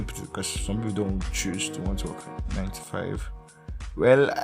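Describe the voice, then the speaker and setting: A young man in his early twenties, with a lowish, creaky voice, hosts a casual solo podcast. He rambles, corrects himself, and laughs often.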